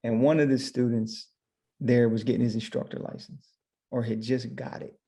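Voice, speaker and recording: A man's voice: mid-range voice, flat delivery, moderate pace, dark tone, slightly rough. A man who owns barbershops, guest on a podcast, telling his story casually and retelling his own thoughts as quotes.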